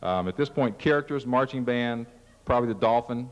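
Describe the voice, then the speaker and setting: A man's voice: mid-range voice, a little fast, highs cut off. A man giving a casual, self-deprecating presentation to staff at a company meeting, acting out lines from ads. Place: large conference hall. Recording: long reverb of a large hall.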